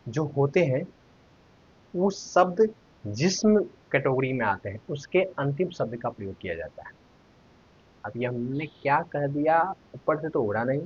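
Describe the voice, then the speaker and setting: A man with a somewhat high, husky voice gives an online grammar lesson. He quizzes his viewers and then answers the question himself. He spells out letters one by one, and the recording sounds dull and lo-fi. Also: a little mellow. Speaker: Hindi teacher.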